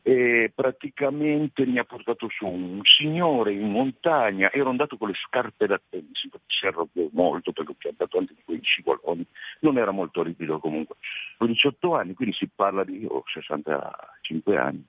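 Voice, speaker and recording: A man's voice: deep voice, sing-song, a little fast, creaky, husky, dry recording. A man in his eighties calling in to a radio show by phone, rambling and chuckling as he talks. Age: 80s. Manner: rambling, chuckling, restarts mid-thought. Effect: over the phone. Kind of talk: casual call-in chat. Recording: narrow dry phone line.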